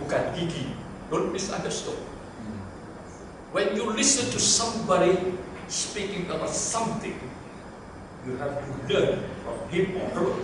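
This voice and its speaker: Older man, pastor, high voice, seminar sermon, English phrases mixed in, loud bursts and quiet asides, far from the mic, very echoey hall, noisy recording.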